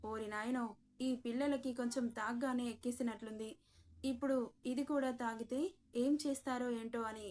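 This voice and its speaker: A woman's voice: on the high side, fairly even intonation, moderate pace, a little mellow, close to an everyday voice. A woman doing a flustered old toddy tapper.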